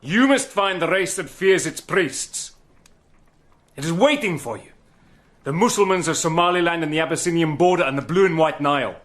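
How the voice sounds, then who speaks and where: Steady and controlled, a British agent narrates and makes his case with cool, calm persuasion. His voice is slightly high, in the manner of a radio drama lead.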